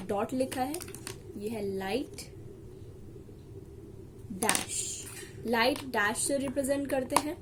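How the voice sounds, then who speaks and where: Slow high-voiced woman teaching shorthand. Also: a little hiss or hum. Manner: slow, patient, repeats example words while writing. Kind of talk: classroom lesson.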